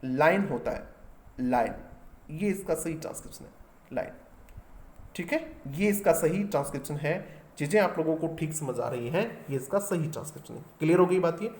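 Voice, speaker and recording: A man's voice: a little high, lively intonation, a little fast, a little mellow. A man teaching an exam-solution lesson, explaining step by step and often asking the class questions.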